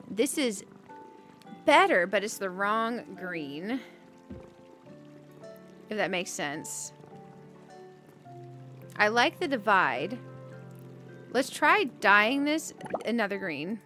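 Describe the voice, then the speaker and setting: A woman's voice: mid-range voice, fairly bright tone. A woman streaming a cozy game, chatting casually with viewers and thinking aloud as she decorates, with giggly bursts. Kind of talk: casual gameplay commentary.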